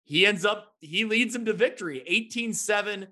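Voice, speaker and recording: Bright, high-voiced male sports host. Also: moderate pace. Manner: upbeat, self-deprecating, recaps game stats. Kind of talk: casual sports talk.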